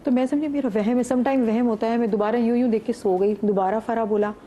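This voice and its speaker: A middle-aged woman, a guest on a morning talk show, telling a story of a frightening experience in an animated, vivid way. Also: fairly high pitch, a little fast, a little hiss or hum. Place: TV studio set.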